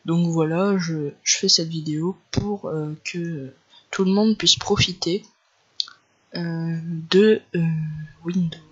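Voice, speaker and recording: Here the tutorial maker's pitch is fairly high and his intonation fairly even as he moves at a slow pace. He guides viewers informally through computer steps in his Northern French ch'ti accent, in casual screen-recorded narration with dull lo-fi home sound.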